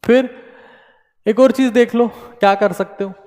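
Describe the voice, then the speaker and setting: A man's voice: very high voice, fairly even intonation, unhurried, a little mellow. A young Indian man teaching exam students in a playful, joking way, slipping into comic voices and a Haryanvi tone, and he feels a bit unwell. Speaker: coaching teacher. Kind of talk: motivational talk to exam students. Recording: long hall reverb.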